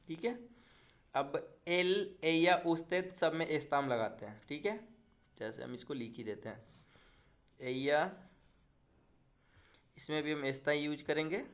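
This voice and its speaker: A man teaching Spanish in a casual online lesson, drilling conjugations aloud and often checking in with his students. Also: on the high side. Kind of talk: online language lesson in Hindi. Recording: tinny phone-like audio.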